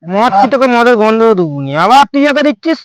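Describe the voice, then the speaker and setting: A man's voice: very high voice, expressive, fast, a little hiss or hum. A man playing a bossy, belligerent drunk in a comedy skit, scolding his drinking buddies and repeating his demands. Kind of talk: comedy skit acting in colloquial Bengali.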